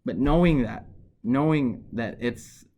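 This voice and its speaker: A man's voice: medium pitch, slow, a little mellow, slight background noise. Earnest man talking to camera. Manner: earnest, often adds "right?", restarts phrases. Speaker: vlogger. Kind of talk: casual talk to camera.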